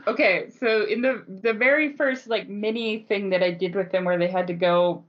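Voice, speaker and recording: A woman's voice: mid-range voice, moderate pace. Laughing woman podcaster, lo-fi sound. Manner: laughs often, animated storytelling. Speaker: podcast co-host and game master. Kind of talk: casual chat. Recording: dull lo-fi podcast audio.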